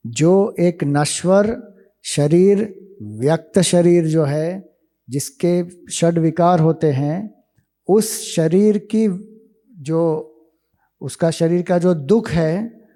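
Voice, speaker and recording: A man giving a spiritual discourse, explaining ideas slowly with rhetorical questions to listeners in a hall. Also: on the high side, dark tone. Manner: slow, deliberate, rhetorical questions. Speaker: spiritual teacher. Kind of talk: Vedanta discourse to youth camp.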